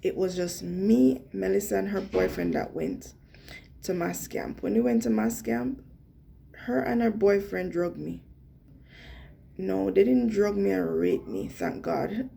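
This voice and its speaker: Jamaican woman with a gravelly, mellow voice. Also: on the low side, a little hiss or hum. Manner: earnest, animated retelling with quoted dialogue and Jamaican patois slips. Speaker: vlogger. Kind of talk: personal storytelling.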